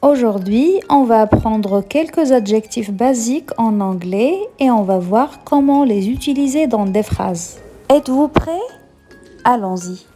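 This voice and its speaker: This is a woman giving an unhurried English lesson in French, with a mellow, fairly high voice. She repeats each example word clearly and patiently. Soft music plays underneath. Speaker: English teacher.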